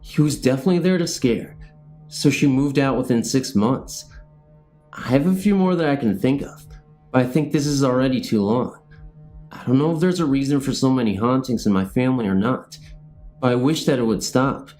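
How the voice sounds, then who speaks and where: A man's voice: medium pitch, moderate pace, darkish tone, soft background music. A man reading spooky family ghost stories aloud, then talking in a rambling, self-deprecating way as host. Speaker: channel host and storyteller.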